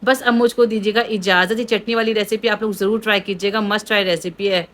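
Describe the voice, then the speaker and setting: A young woman chatting casually to her viewers in a cooking vlog, addressing them warmly as friends. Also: medium pitch, fairly even intonation, fast talker, a little hiss or hum. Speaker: cooking vlogger.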